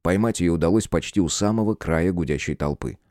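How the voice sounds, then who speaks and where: Low-voiced male audiobook narrator. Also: fairly quick, mellow, dry recording, clean studio sound. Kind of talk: scripted narration.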